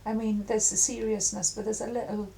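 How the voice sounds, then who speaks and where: A middle-aged woman giving an intuitive tarot reading in a musing, halting way with many fillers. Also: mid-range voice, level tone, vocal fry, noisy background. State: coughing at times. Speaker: tarot reader.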